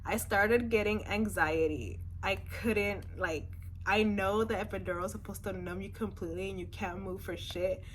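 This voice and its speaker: A woman's voice: mid-range voice, steady tone, moderate pace, slight background noise. Young woman bluntly retelling a story. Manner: blunt, swears freely, talks in run-on recounting. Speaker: vlogger. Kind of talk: casual storytelling.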